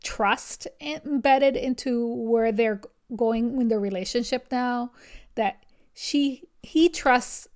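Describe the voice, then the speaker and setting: A woman with a somewhat high voice co-hosts a book podcast. She talks casually and conversationally, gushing a little as she explains what she thinks. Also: slow pace, a little mellow. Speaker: podcast co-host.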